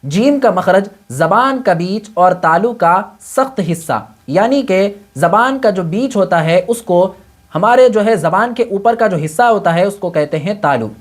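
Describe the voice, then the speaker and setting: A man's voice: high voice, expressive. A man teaching Quran reading with tajweed, explaining patiently step by step and mixing English words into his talk. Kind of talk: tajweed lesson.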